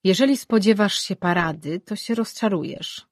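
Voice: medium pitch, normal speed, dry recording, studio quality, close to an everyday voice. A reader voicing Surim, a blunt, sardonic immortal man, in a fantasy audiobook.

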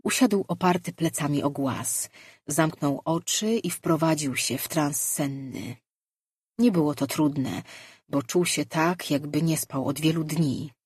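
A woman narrating a fantasy audiobook in a slow, measured way. Her voice is husky and lowish. The recording is close and dry. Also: darkish tone, no echo.

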